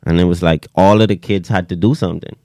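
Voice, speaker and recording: A man talking casually as a rapper in an interview, slangy and animated in his storytelling, often checking that the listener follows. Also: sits low, fast talker, no room sound, clean studio sound.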